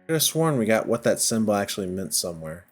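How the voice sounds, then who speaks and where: A video game playthrough host with a lowish, sing-song voice talks at a quick pace over faint music. He casually comments while tackling a puzzle game, thinking aloud in a hesitant way and questioning himself.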